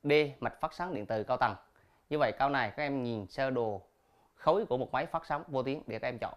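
Guy teacher reading quiz choices out slow and clear, mid pitch, then going over the answers. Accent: Vietnamese. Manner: reads multiple-choice options aloud slowly and clearly, then explains answers. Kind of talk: recorded classroom quiz lesson.

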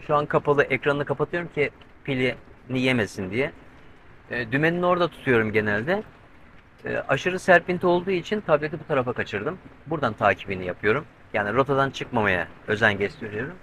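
Out at sea, a middle-aged solo sailor talks casually to his handheld camera, its mic on a pole, from the boat's covered cockpit, walking through each step while tensely keeping an eye on the weather. He speaks at a medium pitch with a slightly bright tone. The audio is poor, with some faint hiss or hum.

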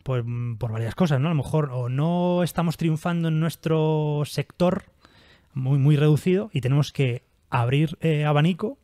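A man's voice: a little high, normal speed, warm tone, no room sound, clean studio sound. A man hosting a casual podcast, jokey and easygoing. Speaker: podcast host.

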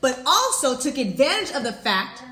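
A woman's voice: sits high, big pitch swings, normal speed, bright, forceful tone. A woman vlogger giving blunt, emphatic commentary on a book. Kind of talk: animated commentary. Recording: roomy echo.

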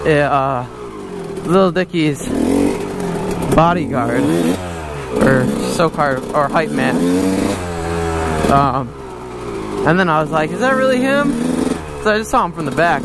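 A man's voice: a little high, unhurried, creaky, long pauses. A young man vlogger casually telling a rambling story with lots of fillers while riding a dirt bike outdoors. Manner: rambling, filler-heavy, relaxed. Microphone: helmet or handlebar action camera. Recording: loud engine and wind noise. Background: motorcycle engine.

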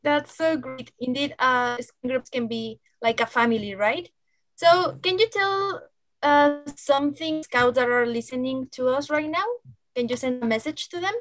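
Over a video call, a young woman hosts an online youth show, welcoming guests in an upbeat, encouraging way. Her voice is high and a bit bright, at a moderate pace.

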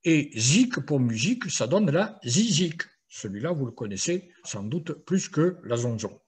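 A man's voice: a little high, very animated, a little slow, breathy edge. An older man, a retired professor, giving a playful university lecture with frequent hesitations.

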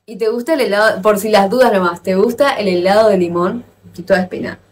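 A woman with an Argentine accent chatting casually with viewers on a live stream, playful and quick to exclaim and laugh. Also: mid-range voice, a little hiss or hum. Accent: Argentine Spanish. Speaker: livestreamer.

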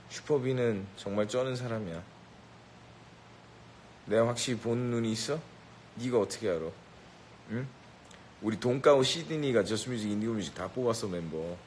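A man with a slightly low voice jokes around with a live crowd. His tone is brash and boastful, and he barks playful orders and taunts. A faint rumble sits underneath. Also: low-quality recording. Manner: brash, boastful, mock-bossy. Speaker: rapper addressing a live audience. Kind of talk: teasing live banter.

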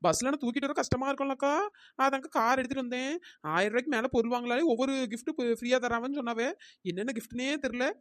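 A woman's voice: high voice, steady tone, no echo, natural voice. A woman voicing a chatty, cheeky young village woman in a cartoon, arguing back. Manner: rapid, argumentative, talks back. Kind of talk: cartoon dialogue.

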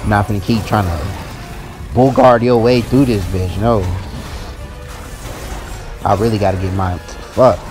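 A man's voice: on the low side, unhurried, long pauses, music in the background. A young man giving profane, frustrated commentary while playing a video game, his voice jumping up when annoyed. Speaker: gaming YouTuber. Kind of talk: live commentary over gameplay.

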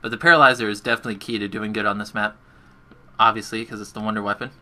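Talking very fast in a low-leaning, very bright and forward voice, a young gaming livestreamer narrates casual live gameplay from his bedroom. Intonation stays fairly even as he chats with viewers and jokes at his own expense. Faint keyboard clacks sit in the background.

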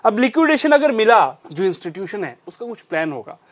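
Teaching a stock trading strategy from a chart, this instructor speaks in a high-pitched, sing-song voice at a fairly quick clip. He hammers his main points and keeps repeating the key phrases.

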